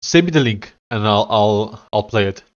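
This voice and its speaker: A man's voice: on the low side, expressive, normal speed, dull audio. Congested man with an Afrikaans accent. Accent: Afrikaans South African. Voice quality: congested, blocked-nose sound. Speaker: live streamer. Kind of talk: casual livestream chat while coding.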